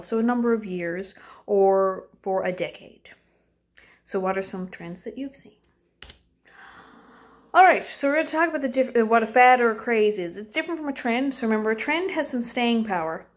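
A woman teaches an informal lesson from home, her voice sitting at an ordinary middle pitch. She speaks loosely and conversationally, filling pauses with um and uh. She keeps asking her listeners questions as she goes. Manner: conversational, poses questions to students, frequent um and uh.

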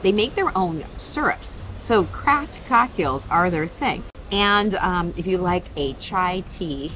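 A woman hosting a local vlog, interviewing business owners in a casual, upbeat way with plenty of ums. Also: lowish voice. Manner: upbeat, chatty, many ums. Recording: camera audio with steady background noise.

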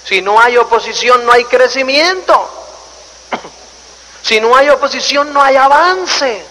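A man with a high, bright voice gives a motivational seminar. He acts out little scenes and keeps asking his listeners questions. His voice carries a long hall reverb over faint background noise. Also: takes it slowly. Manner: animated storyteller, acts out scenes and asks the audience rhetorical questions. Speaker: motivational speaker. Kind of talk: live seminar talk to an audience.

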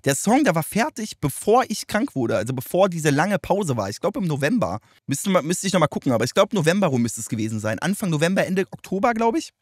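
A man's voice: fairly high pitch, fast, few pauses, no room sound, studio quality. Laughing, slangy man reacting. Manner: animated, laughs a lot, slangy. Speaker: host. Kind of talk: casual reaction chat.

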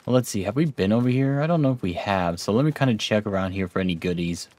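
Laid-back gamer talking low. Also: male voice, animated, fast, a little mellow. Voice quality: laid-back, chatty, thinking aloud. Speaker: let's play host. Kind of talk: casual gameplay commentary.

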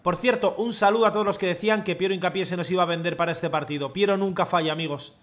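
A young man, commentating his own football video game match in the style of a TV commentator and bursting into long shouted goal calls. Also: high voice, steady tone, very fast. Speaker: gaming youtuber playing a football career mode. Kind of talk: excited self-commentary while gaming.

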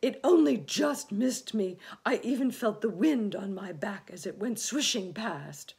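A woman's voice: medium pitch, lively intonation, measured pace, darkish tone, breathy edge, heavily acted. A woman voicing a timid, frightened earthworm in a storybook, pleading and wailing. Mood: wailing, shaken.

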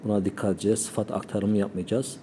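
A man teaching Quran recitation, calmly explaining pronunciation and demonstrating sounds slowly. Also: on the low side, slight background noise.

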